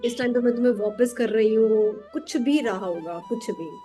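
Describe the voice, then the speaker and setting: A woman's voice: on the high side, moderate pace, dark tone, faint music behind. A woman tarot teacher chatting casually with her student, slipping English phrases into her Hindi.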